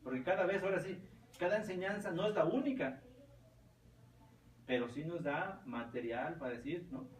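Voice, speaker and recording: A man's voice: fairly high pitch, normal speed, pauses often. Man leading a Bible class. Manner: rambling, tag questions like ¿verdad? and ¿no?. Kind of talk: informal Bible teaching. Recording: roomy, distant mic, faint noise.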